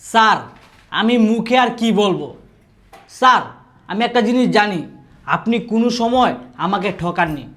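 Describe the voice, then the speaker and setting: A man's voice: sits high, expressive, moderate pace, long pauses, fairly bright tone, long reverb tail. A man playing an obsequious but scheming young male servant in a short film, speaking in a sly, deferential way. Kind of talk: amateur short film acting.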